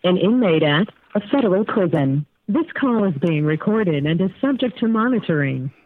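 A woman's voice: fairly low pitch, lively intonation. Woman's automated prompt over a payphone call. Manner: measured, scripted instructions. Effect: heard over a payphone call line. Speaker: automated collect-call announcement. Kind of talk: recorded phone-system prompt. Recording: tinny prison phone line.

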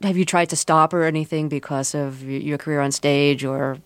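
A woman conducting a conversational interview, haltingly repeating words as she forms her questions. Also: deep voice, fairly even intonation, dry recording.

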